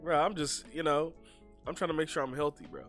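Over soft background music, a young male podcast host chats casually, his stuffy, sniffly nose audible. His voice is a little high and a bit bright, brisk in pace, and he rambles in a laid-back way, circling back to rephrase.

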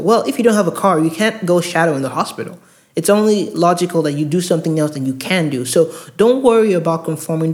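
Speaking into a handheld recorder mic, a podcast host from outside the US gives premed students casual advice in a monologue. He's earnest and emphatic, frequently repeating words for stress, with a fairly high, slightly mellow voice.

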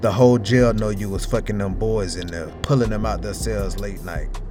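A man's voice: fairly low pitch, fairly even intonation, moderate pace, over music, lightly acted. An actor playing a blunt, guarded man who talks in slang in naturalistic drama dialogue. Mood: irritated, confrontational. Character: guarded, blunt man, protective of family, formerly jailed.

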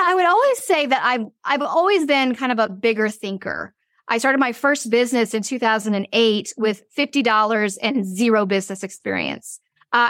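A woman in her forties, a business owner guest, telling a personal story in an interview and acting out her own thoughts with animated shifts. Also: a little high, no echo, studio quality.

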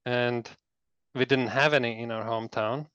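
A man's voice: medium pitch, steady tone, normal speed, a bit bright, smooth, dry recording, lo-fi sound. A man from Latvia telling a story in a casual interview, rambling with many fillers and restarts. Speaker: guest.

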